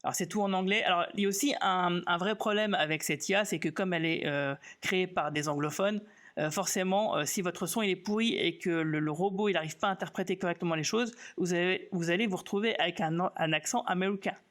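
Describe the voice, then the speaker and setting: A man walking viewers through a software demo on a live stream, in a loose, unscripted way. He jokes at his own expense and thinks aloud, filling pauses with hesitations and restarts. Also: high-pitched. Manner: relaxed, self-mocking, thinks aloud with many fillers. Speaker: graphic designer teaching software on a live stream. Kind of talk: casual live tutorial.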